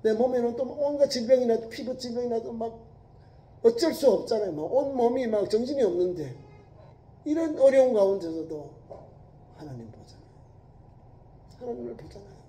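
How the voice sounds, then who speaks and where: A man's voice: very high-pitched, lively intonation, brisk, warm tone. A male Korean pastor preaching a sermon in a colloquial, emphatic way, with repeated words and small acted quotes. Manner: colloquial preaching, voicing biblical speakers in quotes, emphatic repetition. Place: church sanctuary. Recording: echoey church hall.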